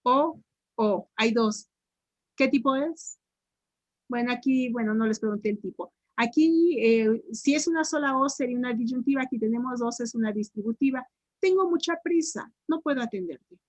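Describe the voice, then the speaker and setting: A Mexican woman teacher runs a grammar drill, her fairly high voice echoing each student answer. She draws words out slowly, syllable by syllable. The sound is dry and close. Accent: Mexican Spanish. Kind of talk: online grammar tutoring.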